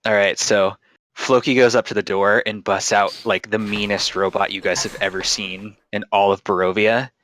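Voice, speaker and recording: A man's voice: fairly low pitch, little pitch movement, moderate pace, fairly bright tone, slight background noise, rough recording. A man casually narrating a tabletop game as game master.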